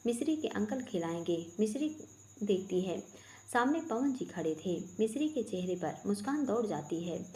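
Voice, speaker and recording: A woman narrating a long family story in a steady, unhurried reading voice. Her tone is mellow and warm rather than bright, with a plain, even delivery. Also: mid-range voice.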